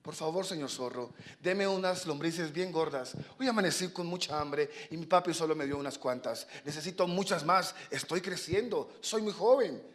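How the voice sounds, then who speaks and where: A pastor voicing a greedy, excited young male swallow in a sermon story. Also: on the high side, moderate pace, hardly any pauses, pitched above the performer's own voice, natural voice. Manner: excited, boastful, chirpy.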